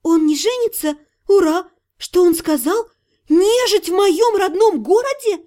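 A woman voicing an impulsive, emotional young woman mage in an audiobook, high, urgent and tearful. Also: animated, unhurried, warm tone. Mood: excited, anxious.

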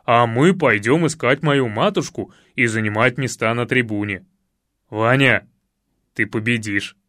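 A man voicing an earnest, pedantic foreign gentleman in an audiobook, speaking deliberately and insistently. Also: mid-range voice, no room sound, studio quality, voice pushed down. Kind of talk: audiobook character voice.

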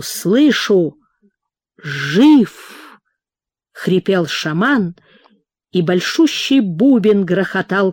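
A woman narrating a storybook in a measured, dramatic reading. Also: mid-range voice, darkish tone, dry recording, studio quality. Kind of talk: audiobook reading.

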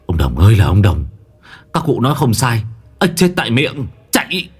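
A man voicing a blunt young male exorcist who speaks gruffly and urgently. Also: mid-range voice, wildly swooping pitch, normal speed, exaggerated voice.

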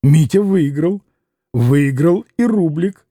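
A man narrating an audiobook in an unhurried way, voicing each character in turn. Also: a little high, animated, dark tone, no room sound, studio quality. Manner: unhurried, voices every character. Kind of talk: scripted narration, audiobook reading.

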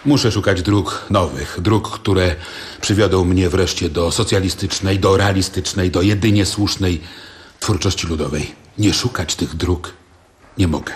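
An actor playing a weary, submissive Soviet composer, narrating a radio drama in the first person with a subdued, measured delivery. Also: male voice, low voice, steady tone, a little hiss or hum. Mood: resigned.

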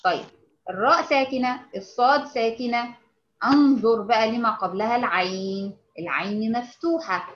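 Egyptian woman teaching recitation, high voice, patient and repetitive, lo-fi sound. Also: reverberant. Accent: Egyptian Arabic. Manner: explains patiently, models words slowly and repeats them. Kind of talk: informal online lesson.

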